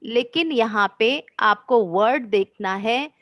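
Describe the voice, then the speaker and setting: A woman teaching children English grammar online, explaining slowly and patiently, mixing Hindi and English, with encouraging words. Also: on the high side, a bit bright, no room sound, rough recording.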